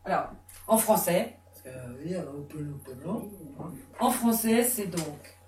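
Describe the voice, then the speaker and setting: A woman psychotherapist giving a lively, conversational talk with many fillers and restarts. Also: fairly low pitch, unhurried, slight background noise. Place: conference room. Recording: echoey room, mic far off.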